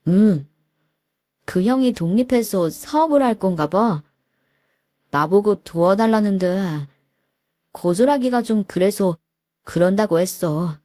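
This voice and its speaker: A woman's voice: medium pitch, animated, a little slow, long pauses, mellow, no room sound, clean studio sound. A woman voicing a pleading weak husband. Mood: hesitant. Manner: begging, hesitant. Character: pleading, weak-willed husband, man in his forties. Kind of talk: storytelling with voiced dialogue.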